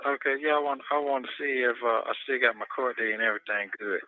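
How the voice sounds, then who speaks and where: A man calling on a payphone line from jail, talking in halting bursts with restarts and fillers. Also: medium pitch. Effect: payphone call from a jail phone. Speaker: inmate caller. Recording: tinny phone line.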